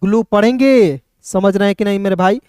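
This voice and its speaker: A man's voice: sits high, fairly quick, dark tone, clean tone, dry recording, studio quality. A man teaching English pronunciation online, asking questions and answering them himself and calling viewers brother and friends. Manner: repetitive, asks and answers his own questions, addresses viewers as brother and friends. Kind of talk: online spoken-English lesson.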